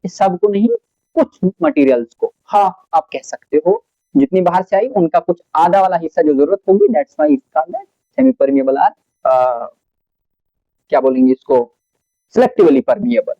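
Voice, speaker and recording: A biology teacher lectures at a whiteboard in a slightly high, sing-song voice at normal speed. He questions his students, answers for them, and slips English terms into what he says. The recording is dry and lo-fi.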